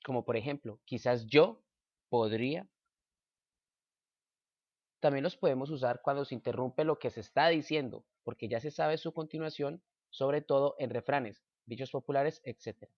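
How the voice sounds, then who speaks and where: A man reading a grammar lesson aloud at a slow, measured pace, giving example sentences. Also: mid-range voice, a little mellow, dry recording, clean studio sound. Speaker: teacher.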